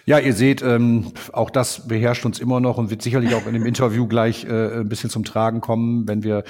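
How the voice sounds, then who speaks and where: This male podcast host has a cold, so his medium-pitched voice comes out husky, slightly hoarse and nasal. He talks briskly and casually, filling gaps with plenty of filler sounds as he guides a laid-back interview.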